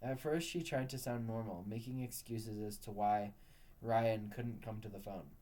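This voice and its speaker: A man reading a story aloud at a steady, unhurried pace. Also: fairly low pitch. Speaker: narrator.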